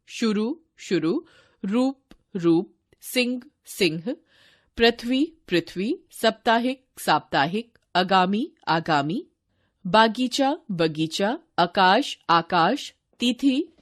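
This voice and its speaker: A woman teaches a children's language lesson at an unhurried pace. Her pitch rises and falls with lively emphasis as she reads out words twice each. The recording is dry and close. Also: no room sound. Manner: addresses children, repeats each word twice. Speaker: teacher reading a textbook lesson. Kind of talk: scripted lesson narration.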